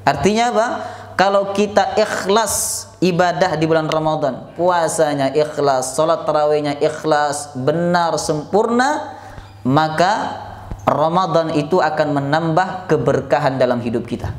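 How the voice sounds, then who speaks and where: A man's voice: fairly high pitch, unhurried, roomy sound, a little hiss or hum. A man preaching an Islamic sermon, emphatic, repeating key words and answering his own questions.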